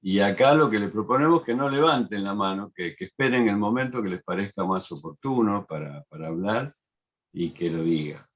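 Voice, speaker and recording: Middle-aged man, low-pitched, reflective panel talk, measured delivery with frequent fillers. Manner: measured, explanatory, with many fillers.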